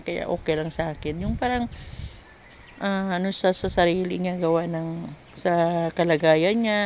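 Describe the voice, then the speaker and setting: Chatty woman, low voice, slight noise. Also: a little mellow. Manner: candid, rambling storytelling with frequent restarts. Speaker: domestic helper vlogger. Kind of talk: casual chat.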